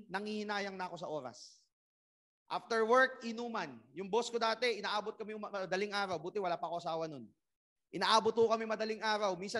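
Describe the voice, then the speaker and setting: A young man with a bright, high voice delivering a motivational business orientation. He keeps firing rhetorical questions at his listeners and swings up loud and emphatic on his key points. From Philippines. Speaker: network marketing trainer. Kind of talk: motivational orientation talk to a crowd.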